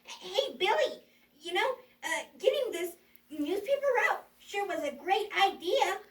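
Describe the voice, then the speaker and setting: Very high-pitched, childlike excitable puppet. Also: a little slow, exaggerated voice. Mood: eager. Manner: exclaiming, fretful, stammering. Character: childlike, excitable, easily frightened puppet sidekick. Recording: roomy echo, distant mic.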